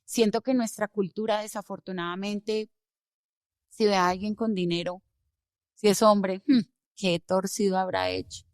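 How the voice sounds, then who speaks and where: A woman from Colombia, an immigration lawyer, speaking as a guest in a podcast interview, telling her story with animated emphasis. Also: medium pitch, measured pace, no room sound, clean studio sound.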